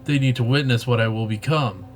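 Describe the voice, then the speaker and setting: An obsessed young woman's journal, its grim plans spoken in an even, unhurried way, as a man reads them aloud. The voice sits at a middling pitch with a faint hum of ambience behind it. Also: close to an everyday voice. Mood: ominous. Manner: plain reading of dark diary lines.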